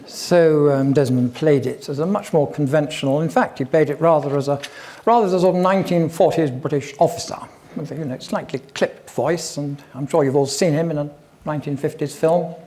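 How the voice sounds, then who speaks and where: An older man tells stories to an audience in a chatty, wandering way, dropping in wry asides. His voice sits a little high for a man, but its tone is soft and mellow. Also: fairly quick. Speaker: guest speaker at a local history talk. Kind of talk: anecdotal public talk.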